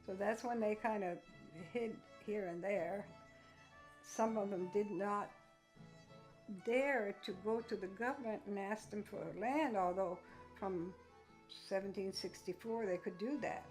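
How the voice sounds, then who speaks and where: Slow-speaking woman. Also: mid-range voice, darkish tone, soft background music, rough recording. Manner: halting, reflective. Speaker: interviewee recounting community history. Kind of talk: informal spoken history interview.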